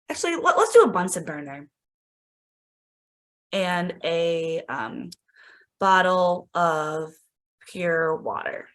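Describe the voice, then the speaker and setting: A woman instructional coach with a lowish voice and fairly bright tone gives teachers a casual, enthusiastic screen-share tutorial for a tech demo. Her chatty delivery is laced with "like" and "right?".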